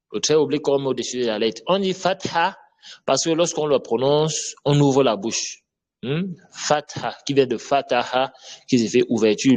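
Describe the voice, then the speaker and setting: Patient male Arabic teacher. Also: mid-range voice. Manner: patient, repeats letter sounds, checks with "d'accord?". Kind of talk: online Arabic lesson.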